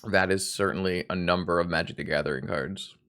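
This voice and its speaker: Hungover man streaming, low-voiced. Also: fairly even intonation, fairly quick, fairly bright tone. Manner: self-deprecating, rambling, sweary. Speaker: game streamer. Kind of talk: live card game stream commentary.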